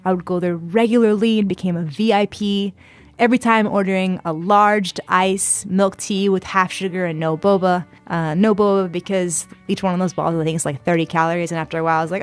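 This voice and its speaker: A woman in her twenties from San Diego telling her own story as a podcast guest, chatty and full of fillers. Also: fairly low pitch. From San Diego, California. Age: 20s. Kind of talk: personal storytelling interview.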